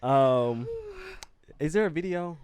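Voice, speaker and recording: A man hosting a podcast and chatting casually with friends. He talks in an animated, laughing way and slows down when he reads comments aloud. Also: on the high side, a little hiss or hum. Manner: animated, laughing, drawls out quoted voices. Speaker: podcast host. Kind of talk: casual group chat.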